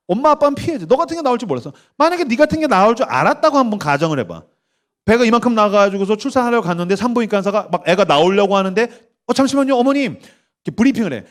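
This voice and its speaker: A pastor in his forties giving a sermon at a youth summer camp, leading the crowd to repeat after him and acting out quoted voices. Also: sits high. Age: 40s. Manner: animated, acts out quoted voices, leads call-and-response. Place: church stage at a summer camp.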